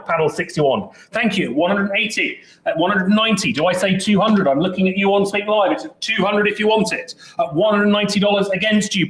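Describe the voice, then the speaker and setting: A man working as an auctioneer, calling bids at a brisk pace with chatty, joking patter. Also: sits high, a bit bright, roomy sound, poor audio. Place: auction saleroom.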